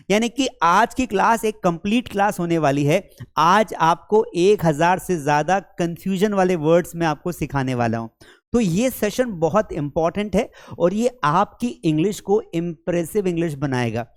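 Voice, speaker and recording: A man with a high, expressive voice gives an online spoken-English lesson. He explains things patiently, calls his viewers friends and children, and reads English example sentences slowly.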